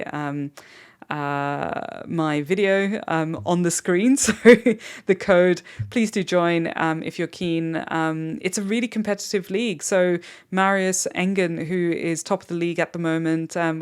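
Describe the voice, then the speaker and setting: Smooth-voiced rambling fantasy football host. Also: medium pitch. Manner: rambling, thinking aloud, addresses listeners directly. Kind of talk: off-the-cuff solo podcast ramble.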